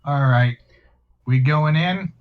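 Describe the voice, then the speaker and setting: A man's voice: a little high, slow. A man talking casually as a player in a tabletop role-playing game. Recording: dull, lo-fi microphone.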